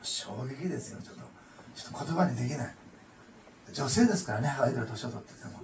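A man preaching an emotional testimony sermon sounds animated, fast and creaky, at a medium pitch. He is a pastor who earnestly tells his story and often adds "ne" to sentences. Echo, noise and a distant microphone color the audio.

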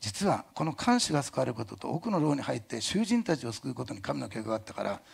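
A male pastor preaching a sermon in a lively conversational way, with jokey asides and a hint of a Kyushu dialect. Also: medium pitch, fast, gravelly, slightly rough. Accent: Kyushu dialect touches. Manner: animated, jokey asides, imitates other pastors.

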